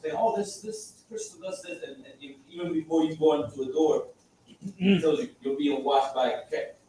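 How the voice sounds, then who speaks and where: A man tells an anecdote to the class in a halting way, with lots of fillers. His voice sits at a middle pitch. He sounds far off in a very echoey room with faint hum. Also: dark tone. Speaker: class member. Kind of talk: telling a personal story in class.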